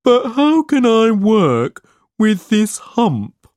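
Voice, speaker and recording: A sulky young camel , voiced by a woman, whines and protests in a high, complaining storybook voice. The lines come out slow and drawn out, swooping widely up and down, with a dry, close sound. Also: very animated, darkish tone, no room sound, exaggerated voice. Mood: whiny. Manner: whiny, pleading questions. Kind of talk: storybook reading.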